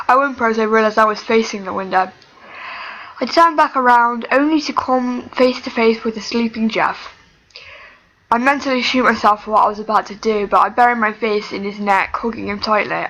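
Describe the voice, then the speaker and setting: A woman reading fan fiction aloud in a halting way, often restarting words. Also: medium pitch, fairly bright tone, slight background noise, rough recording. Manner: halting, self-correcting reading. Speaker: reader.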